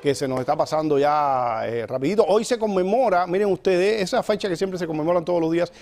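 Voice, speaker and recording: A man hosting a comedy show, telling jokes in an animated storytelling style. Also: a little high, quick pace. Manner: joking, animated storytelling with acted-out voices. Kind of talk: stand-up style comic monologue.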